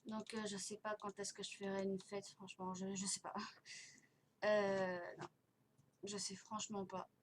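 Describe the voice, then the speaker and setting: A woman gives a casual, rambling tour of a game in a medium-pitched voice. Her speech is impeded and tight-mouthed from dental elastics, with slurred S sounds. The recording has some background noise. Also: little pitch movement, unhurried. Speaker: host of a gaming video channel. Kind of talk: casual chat commentary touring a game. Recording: noisy home recording with clicking.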